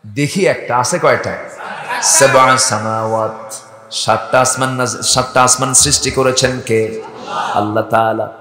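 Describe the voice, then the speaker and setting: A man's voice: medium pitch, normal speed. A man with a Bangladeshi Bengali accent preaching at an outdoor gathering on a school field, firing questions at the crowd and leading them in chanted recitation. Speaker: Islamic preacher. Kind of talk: open-air sermon with chanted recitation. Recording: echoey open-air PA sound.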